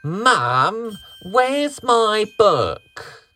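A man putting on a small boy's high, shouty voice, a careless little kid calling for his mother from across the house. the pitch jumps well above the performer's own, and it sounds slightly distant. it's a bedtime storybook voice. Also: big pitch swings, very slow, exaggerated voice. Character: little boy Tommy, frantic about lost toys.

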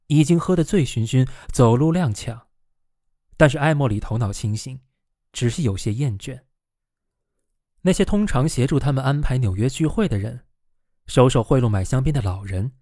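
A man narrates a novel in an animated reading, his pitch rising and falling widely. His voice sits at a middle pitch and sounds dry and close, with no room around it. He lifts his voice when he speaks the characters' lines. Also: no echo. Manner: lively, voices the quoted characters with raised pitch.

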